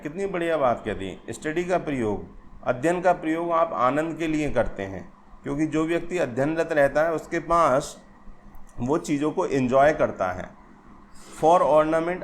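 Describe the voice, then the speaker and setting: A man teaching literary terms for an exam, explaining slowly in a mix of Hindi and English and often calling his viewers friends. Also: fairly high pitch, a little hiss or hum. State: tired from late nights. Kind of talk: exam-prep literature lesson.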